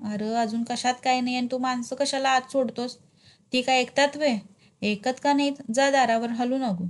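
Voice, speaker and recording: A woman's voice: sits high, fairly even intonation, normal speed, natural voice. A woman voicing a harried male village theatre-troupe manager who barks orders in a short-tempered way. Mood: irritated.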